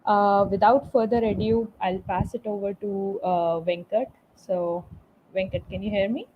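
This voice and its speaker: A woman's voice: medium pitch, steady tone, measured pace. A woman with an Indian accent hosts an online meetup, introducing speakers over a video call. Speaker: meetup host. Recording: dull video call with faint noise.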